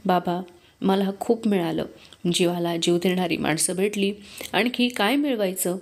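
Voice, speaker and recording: A woman reading the lines of a gentle, humble and sorrowful king in an audiobook of a historical novel, speaking softly and respectfully. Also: fairly low pitch. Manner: soft, respectful, measured.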